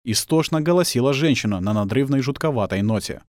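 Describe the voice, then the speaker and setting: A man's voice: medium pitch, animated, brisk, a little mellow, no room sound. A man reading a war novel aloud as scripted audiobook narration.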